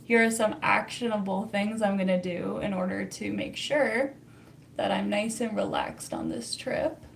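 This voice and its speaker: Her mid-range voice is gravelly and sing-song, a little slow, and there's slight background noise as this young Canadian woman hosts a casual livestream. Speaking with a Canadian accent, she chats and laughs a lot while responding to viewer comments.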